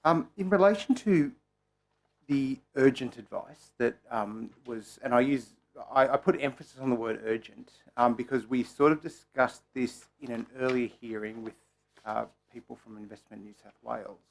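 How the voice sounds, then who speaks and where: An Australian man questioning a witness at a parliamentary committee, polite and halting, with many pauses. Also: medium pitch, vocal fry.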